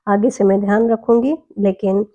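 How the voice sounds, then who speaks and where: A woman tutor works through an exam paper, reading each question out slowly and then explaining it step by step. Her voice is very dark and mellow, and the recording sounds dull and muffled. She keeps asking questions and answering them herself. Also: mid-range voice, fairly even intonation. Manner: reads English questions slowly, explains in Hindi. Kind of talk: exam paper walkthrough lesson.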